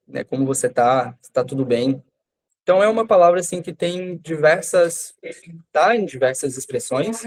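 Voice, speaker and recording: A Portuguese-speaking man teaches French in an online class, his voice slightly high with a darkish tone. He explains patiently, repeating example sentences slowly and often tossing in "né?" and "tá?" to make sure students are keeping up.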